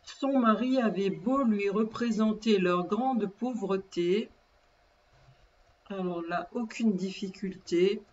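Woman teacher reading a dictation, deliberate and repetitive, mid pitch, muffled recording. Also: darkish tone. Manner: slow and deliberate, repeating and spelling words aloud. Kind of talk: dictation lesson.

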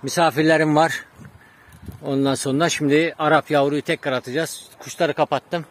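A man's voice: a little high, fairly even intonation, normal speed. A man, a pigeon breeder, chatting casually to his viewers from his garden and calling out to his dogs now and then. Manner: chatty, addresses viewers as friends, shouts dog commands. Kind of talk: casual vlog talk to viewers.

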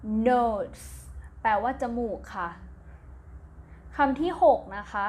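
Slightly high and animated, a woman's voice with a Thai accent proceeds slowly through a primary English lesson. She spells words letter by letter, repeats each one twice, and follows with its meaning. Gentle and patient, she ends phrases with polite particles in this slow recorded classroom lesson.

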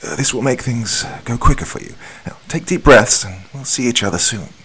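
A man's voice: mid-range voice, animated, moderate pace, fairly bright tone, breathy edge, pitched above the performer's own voice. A man voicing an impatient male surgeon, stressed, slightly out of breath and dismissive. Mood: brusque. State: mildly out of breath.

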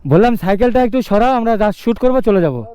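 A man's voice: sits high, animated, racing, warm tone. A man hosting a motovlog outdoors, pleading and then scolding, repeating the same orders again and again. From West Bengal, India. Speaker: motovlog host. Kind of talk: confrontational street vlog. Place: outdoors by a roadside tea garden.

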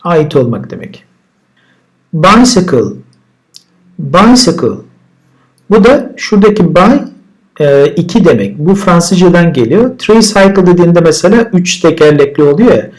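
Male teacher, slightly higher voice, repeats each word and then explains it calmly. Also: measured pace, pauses often. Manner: relaxed explaining, with repeated words and translations. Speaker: English teacher. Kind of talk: vocabulary lesson.

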